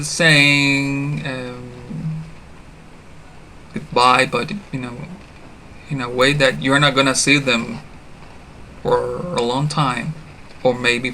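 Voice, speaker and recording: A man teaching a beginner English lesson online. He repeats each example phrase for learners to copy and stops to correct himself with a quick "sorry". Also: medium pitch, steady tone, sharp tone, a little hiss or hum.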